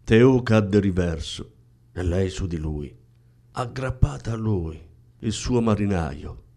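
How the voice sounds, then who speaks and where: A man reading a novel aloud in a slow, hushed, measured way. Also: fairly low pitch, lively intonation. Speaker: audiobook reader. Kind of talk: scripted literary narration.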